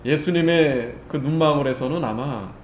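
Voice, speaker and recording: A male pastor preaching a Sunday sermon in a conversational way, often checking in with the congregation and swinging between loud and soft as he acts out the story. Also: medium pitch, normal speed, slight background noise. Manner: conversational, keeps checking with listeners. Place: church sanctuary. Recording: echoey church room, faint ambience.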